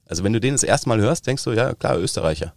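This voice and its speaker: A man from Upper Bavaria with a Bavarian accent, an actor chatting as an interview guest and telling lively anecdotes with quick dialect impressions. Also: lowish voice, dry recording, clean studio sound. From Upper Bavaria, Germany. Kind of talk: casual interview chat.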